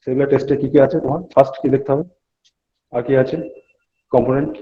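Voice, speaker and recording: A man's voice: mid-range voice, steady tone, fast. A man teaching a clinical examination at a hospital bedside, explaining tests to students and giving instructions to a patient. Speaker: medical lecturer. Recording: dull lo-fi recording.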